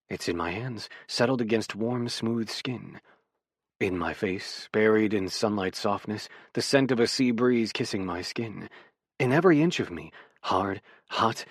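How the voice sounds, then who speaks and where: A man narrates a romance audiobook in the first person, with an intimate, measured delivery. His voice is mid-pitched for a man. The recording is dry and close, from a studio booth. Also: no echo.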